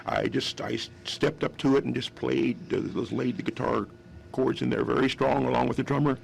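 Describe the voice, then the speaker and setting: This guest musician, a man in his fifties from West Virginia, spins stories on a radio interview, wandering off and often starting sentences over. He speaks briskly in a creaky, medium-pitched voice with little pitch movement, and the recording carries a slight hiss or hum.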